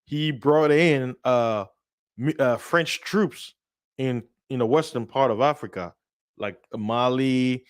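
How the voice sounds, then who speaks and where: A man explains world events in casual talk, telling a story with animated energy and slipping into voices for the people he quotes. His voice sits at an ordinary middle pitch. The sound is dry and close, with no room around it. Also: slow pace, clean tone, no room sound. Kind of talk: casual political discussion.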